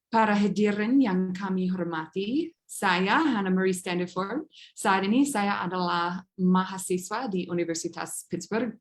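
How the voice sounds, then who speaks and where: A woman in her twenties from the United States hosting a formal online competition, reading greetings and official titles in careful order. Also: mid-range voice. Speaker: event host. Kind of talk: formal bilingual event hosting.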